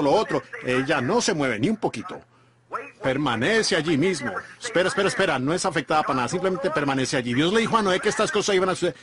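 Man, dubbed sermon voice-over, lively rising and falling delivery, congregation noise behind. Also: fairly high pitch. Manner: emphatic preaching cadence with repeated asides. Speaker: Spanish voice-over reader of a sermon.

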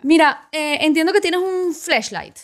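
A woman's voice: extremely high pitch, a little slow. A woman hosting a casual interview, chatty and playful as she asks probing questions. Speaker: podcast host.

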